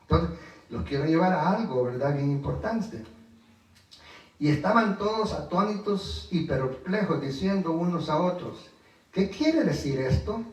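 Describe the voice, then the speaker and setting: A man preaching a sermon as pastor, animated and constantly asking his listeners for agreement. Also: a little high, unhurried. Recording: very echoey church hall, distant mic.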